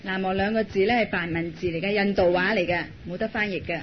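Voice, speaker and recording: Man, cantonese accent, interpreter, fast talker, dull lo-fi recording, faint hiss. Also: sits high, fairly even intonation. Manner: brisk, relaying each phrase.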